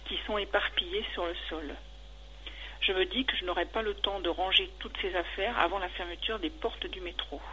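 Woman caller on a radio call-in, crisp bright tone, narrates evenly, falters under questions. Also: fairly low pitch, a little hiss or hum, rough recording. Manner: halting and hesitant when answering; steady retelling of a dream. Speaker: caller describing a dream.

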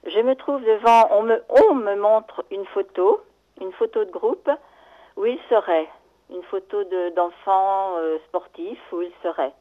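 Older woman calling in over a tinny phone. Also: medium pitch. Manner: halting, searching for words, shaken. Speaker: radio caller. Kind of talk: recounting a dream on call-in radio. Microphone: telephone.

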